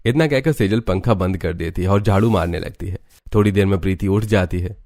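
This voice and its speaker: A man narrating an animated story in an even, storytelling voice. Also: low-pitched, a little fast. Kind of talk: scripted narration.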